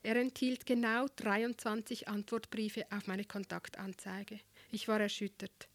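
A woman reading a first-person story aloud in a wry, expressive storytelling manner, recorded on a close mic. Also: medium pitch, a little slow, no echo. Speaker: audiobook narrator.

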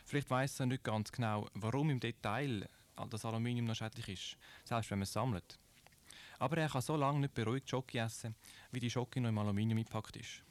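A man with a Swiss German accent reads a scripted radio commentary at a middle pitch. He explains in a measured way and often poses rhetorical questions to his listeners. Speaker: radio presenter.

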